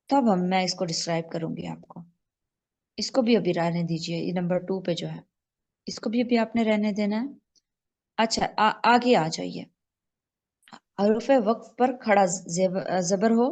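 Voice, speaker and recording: A woman from Pakistan teaching an online recitation class, explaining rules step by step, checking that students follow, and drawing out example words slowly. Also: mid-range voice, a little mellow. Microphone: online call.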